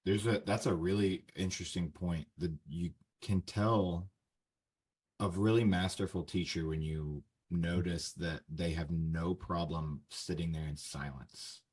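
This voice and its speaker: A man's voice: low-pitched, fairly even intonation, unhurried, darkish tone, slightly rough. A man hosting a casual podcast conversation as an English teacher, explaining his ideas with lots of fillers and restarts.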